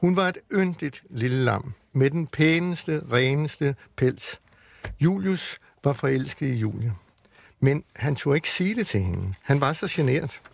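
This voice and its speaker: A man on the radio, reading a children's book aloud with lively storytelling in a studio. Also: mid-range voice, vocal fry, dry recording. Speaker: radio reader.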